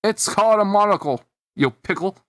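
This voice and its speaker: A man's voice: high voice, expressive, moderate pace, a bit bright, no echo, studio quality, voice pushed up. A man voicing a haughty little boy asparagus with a British accent, prim and pompous.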